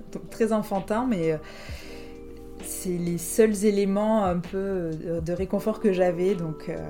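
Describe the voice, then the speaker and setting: A woman's voice: medium pitch, fairly even intonation, takes it slowly, music in the background. A woman from France, host of a podcast, telling a personal travel story in a reflective, hesitant way with frequent fillers.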